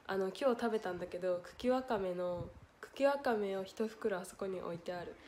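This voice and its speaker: A woman's voice: medium pitch, moderate pace, darkish tone, a little hiss or hum. A young woman with a Hiroshima accent chatting on a livestream, reading out viewer comments and thanking them with frequent giggles. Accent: Hiroshima Japanese. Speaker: idol livestreamer. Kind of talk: casual livestream chat.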